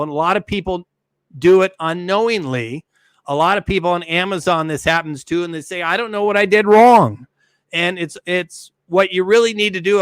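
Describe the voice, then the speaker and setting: A middle-aged man leads an online business seminar, leaning on important words and repeating them for emphasis. His voice sits a little high for a man. The sound is dry and close, with no room in it. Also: a bit bright, no room sound. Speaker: seminar presenter. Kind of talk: webinar business lesson.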